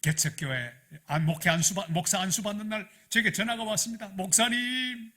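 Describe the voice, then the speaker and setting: A middle-aged male pastor, preaching a sermon in an animated storytelling manner that rises to loud emphasis. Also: high-pitched, fast.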